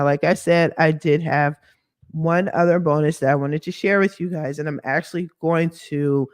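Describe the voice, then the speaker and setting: A cough has left this woman's voice hoarse and deeper than usual as she guides a casual screen-share walkthrough for her credit repair business. Her delivery is candid and slangy, sprinkled with sassy asides, and there's no room sound.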